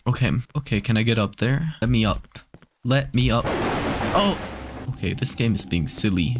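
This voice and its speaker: A man's voice: mid-range voice, fairly quick, heavy background noise. A man streaming a horror game with casual commentary, scared and jumpy, with campy, sassy slang and dramatic reactions. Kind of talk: casual let's play commentary.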